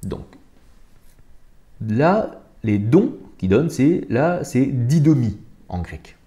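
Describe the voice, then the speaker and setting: A man's voice: mid-range voice, very animated, very slow, warm tone. A man hosting his own channel, talking casually and thinking aloud as he looks up and compares scripture passages. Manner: colloquial, thinks aloud while looking up verses. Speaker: channel host. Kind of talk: casual spiritual commentary monologue.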